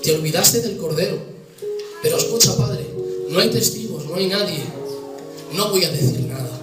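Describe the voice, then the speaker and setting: High-voiced impassioned preacher man. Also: normal speed. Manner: impassioned, swings between hushed and loud. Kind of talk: dramatic sermon storytelling. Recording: echoey room from far off with music.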